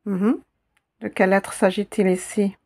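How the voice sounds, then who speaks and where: A woman teaching a slow, patient language lesson who repeats each sound carefully. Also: mid-range voice, level tone, darkish tone. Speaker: Arabic teacher.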